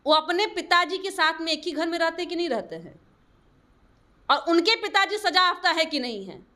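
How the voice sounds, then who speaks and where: A woman's voice: very high-pitched, expressive, normal speed, pushed and bright. A woman party spokesperson answering interview questions in a combative way, rebutting her opponents and lecturing them.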